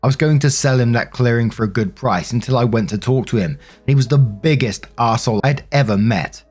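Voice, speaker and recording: A British man hosts a story compilation, narrating casually in a chatty, rambling, sweary way and adding personal commentary. His voice is medium-pitched, a little fast, darkish and husky, with soft music in the background.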